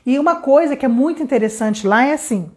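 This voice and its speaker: A woman from Brazil teaching English on a live stream, chatty and lively, greeting viewers by name. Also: sits high, fast. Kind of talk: live-streamed lesson chat.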